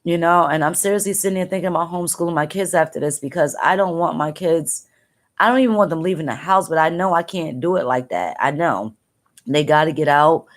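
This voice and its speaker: A tearful mother talking to viewers on a livestream, halting and repeating herself as she speaks, upset and angry. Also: deep voice. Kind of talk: emotional live-stream talk.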